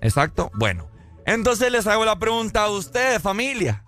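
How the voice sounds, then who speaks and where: A young man with a Honduran accent hosts a morning radio show, his voice sitting high for a man as he jokes and teases his co-hosts. Light music plays faintly behind him. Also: moderate pace. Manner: joking, teasing, animated. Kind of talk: playful morning show banter.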